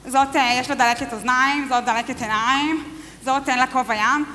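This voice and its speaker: A woman's voice: high voice, steady tone, bright, forceful tone, slight background noise. An actress playing a chatty tour guide who hurries her group along. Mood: brisk. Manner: brisk, hurrying the group along. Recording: long reverb, faint clicks.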